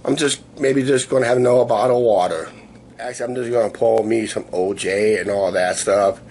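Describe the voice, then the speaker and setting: A man in his fifties chatting casually to camera in a rambling, halting way, his voice weak and sore after illness. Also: on the low side, darkish tone. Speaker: vlogger. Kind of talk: casual video diary chat. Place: small living room, indoors. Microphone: camera at arm's length. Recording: noisy room ambience on camera mic.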